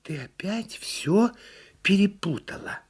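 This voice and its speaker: A man reading a storybook and voicing a calm, know-it-all female turtle in a raised, firm, lecturing voice. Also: sits high, slow, breathy edge, pitched above the performer's own voice, full character voice. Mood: instructive.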